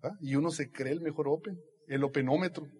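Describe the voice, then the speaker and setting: Un hombre de mediana edad con acento mexicano da un discurso motivacional enfático en una convención, hablándole directo al público. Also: male voice, fairly high pitch, fairly even intonation, fairly quick, darkish tone. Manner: emphatic, addresses listener directly. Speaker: motivational speaker. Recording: husky voice in reverberant hall.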